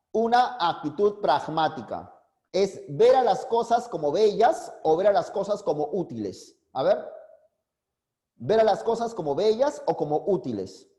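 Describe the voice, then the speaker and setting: A man's voice: sits high, dark tone. A man teaching a philosophy class online, constantly quizzing his students and coaxing answers from them. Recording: long reverb, echoey room.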